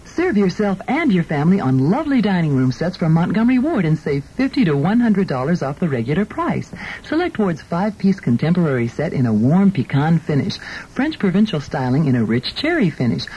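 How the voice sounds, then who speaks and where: A man reading a furniture-sale style radio commercial in a smooth promotional way, heard through a car radio speaker. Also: on the high side, sing-song, a little fast, warm tone. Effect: played through a car radio speaker. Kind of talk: scripted radio commercial read. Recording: dull lo-fi car radio with faint hiss.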